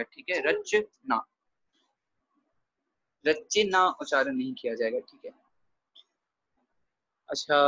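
A man's voice: on the high side, a bit bright, dry recording, lo-fi sound. A man teaching a grammar lesson over a video call, explaining patiently and checking in often with his students. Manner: explains patiently, checks with frequent "theek hai".

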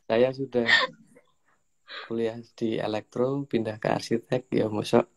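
A young man, hosting a casual interview in a relaxed, joking way. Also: medium pitch, a little slow, gravelly, noisy background. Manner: relaxed, joking, slips into Javanese slang. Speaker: host.

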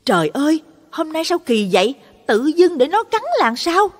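A woman voicing a shrewish, loud wife of a dog butcher in an audio storybook. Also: on the high side, big pitch swings, brisk, big-room sound. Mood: alarmed. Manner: sharp, nagging, loud.

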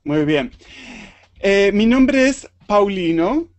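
Slow, patient Argentine man teaching. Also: sits high, expressive, dry recording. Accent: Argentine Spanish. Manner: slow, patient, repeats words for learners. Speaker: Spanish teacher. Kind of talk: online group language lesson.

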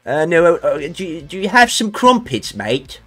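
A man's voice: a little high, steady tone, moderate pace, soft background music, pitched above the performer's own voice, close to an everyday voice. A man putting on an exaggerated, swaggering British pub bloke voice, full of taunting slang. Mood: cheeky. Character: rowdy mock-British pub bloke, male adult.

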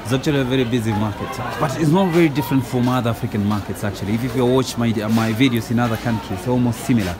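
A young Kenyan man vlogs his travels, walking through a busy indoor market and out onto a city street with his phone held at arm's length. His medium-pitched voice goes rapid-fire with few pauses as he chats straight to camera, full of fillers. The noisy crowd chatter and loud music come through strongly.

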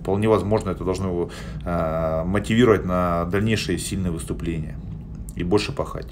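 Deep-voiced and brisk, with fairly even intonation, this man in his forties chats on a live stream from a small indoor room. He gives viewers blunt answers and hesitates a lot. Background noise comes through his phone, held at arm's length.

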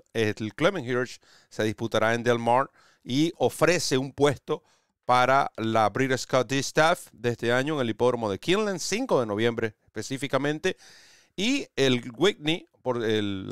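A man hosting a horse racing analysis show on a video call, wearing a headset, with a lively presenter delivery. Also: mid-range voice, clear, resonant tone, no room sound, studio quality. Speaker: host.

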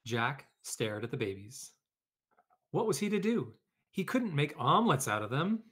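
A man's voice: mid-range voice, very animated, normal speed, fairly bright tone, husky. Male educator, mid-range voice, conversational delivery for a children's read-aloud lesson. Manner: conversational, addressing pupils and teachers. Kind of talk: children's story read-aloud and informal classroom instruction.

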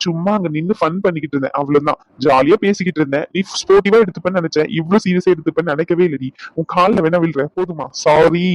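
A man's voice: fairly high pitch, quick pace, hardly any pauses, dry recording, lightly acted, low-quality recording. A man playing a playful husband who teases and coaxes his angry wife in a comedy skit. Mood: teasing. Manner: coaxing, teasing, pleading. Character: teasing young husband, playful.

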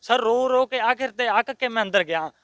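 A Punjabi man pours out an aggrieved complaint to a reporter. His voice sits high and comes through smooth and resonant. The sound is dry and close. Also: normal speed, a bit bright, dry recording. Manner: aggrieved, insistent. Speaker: patient's husband. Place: outside a hospital.

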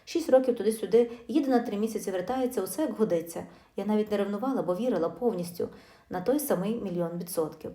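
Woman, middle-aged, first-person life story, fast and confiding, mellow, roomy echo. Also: mid-range voice. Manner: brisk, emotional, confiding.

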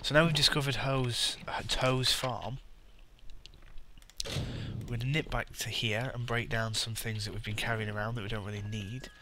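A man's voice: medium pitch, steady tone, normal speed, background noise. A British man giving casual gameplay commentary with dry, muttered asides. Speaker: gamer, let's play host. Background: game music.

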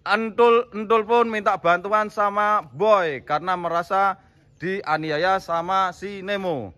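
A man's voice: sits high, steady tone, slow, bright, forceful tone. A man, narrating a comedy skit and directing his team, often laughing as he talks. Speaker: director of an acting challenge.

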